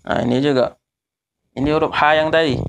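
A man teaching correct pronunciation of Quran verses, slowly drawing out and repeating letter sounds as he demonstrates. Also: on the high side, fairly even intonation, vocal fry, smooth.

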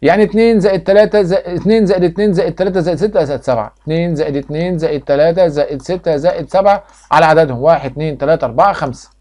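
This math teacher, whose Egyptian Arabic accent colors a mellow, slightly high male voice, races through a review at a very fast clip. Questions go out to the class and he answers them himself, drilling every step again and again.

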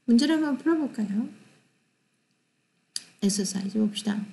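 Korean-speaking woman teacher, online pronunciation class, mellow fry-ish voice, slow careful model words. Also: a little high, animated. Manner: explains in quick Korean, reads English models slowly and deliberately. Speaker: English pronunciation instructor. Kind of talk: online lecture.

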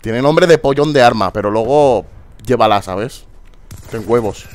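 A young man commentating his online shooter match, foul-mouthed and exasperated, bursting into shouts. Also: mid-range voice, measured pace. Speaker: gameplay commentator. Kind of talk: casual gameplay commentary.

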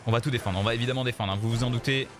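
A man's voice: medium pitch, rapid-fire. A man giving casual, joking live commentary on his card game matches and talking straight to his viewers. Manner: animated, joking, repeats himself, addresses viewers as "les gars". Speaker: streamer playing a mobile card game. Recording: game music playing faintly behind.

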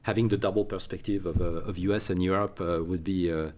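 A man's voice: deep voice, steady tone, fairly quick, darkish tone. A man interviewing a guest, speaking with many fillers and restarts in a studio. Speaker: interviewer, consultant. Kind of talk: conversational interview. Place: recording studio.

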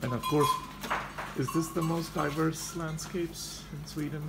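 A visitor filming in a cow barn, slowly narrating and asking questions in a casual chat, often agreeing with short yeahs. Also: medium pitch, fairly even intonation, over music, low-quality recording. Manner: slow, with many short yeahs. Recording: barn noise with cowbells and cattle.

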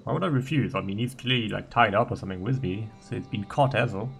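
A man's voice: lowish voice, quick pace, vocal fry, soft background music. A man playing through a gamebook and thinking aloud, hesitant as he mulls over his choices. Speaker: player.

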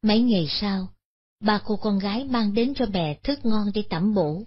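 A woman narrating a Buddhist moral story in a steady, solemn manner. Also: mid-range voice, normal speed, slightly rough. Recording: dull lo-fi recording.

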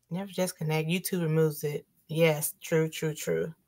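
A woman's voice: sits low, steady tone, takes it slowly, background noise. A woman hosting a casual livestream chat, reading viewer comments aloud and laughing often. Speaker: livestream host.

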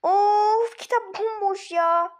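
Woman playing a grumbling teen schoolgirl in a homemade drama, high voice, sighs a lot, stammers when flustered. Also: fairly even intonation, slow. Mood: annoyed.

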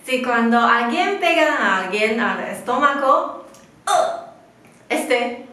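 A woman, a Mandarin speaker, giving a slow and patient beginner lesson, drawing out syllables for her students to repeat. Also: a little high, lively intonation, sharp tone. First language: Mandarin Chinese. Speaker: Chinese teacher. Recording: roomy echo.

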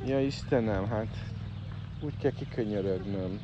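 A man's voice: lowish voice, lo-fi sound, noisy background. A man calling and coaxing his farm animals in a casual live stream, chatting to viewers outdoors. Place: outdoors in a farmyard. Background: birds and chickens.

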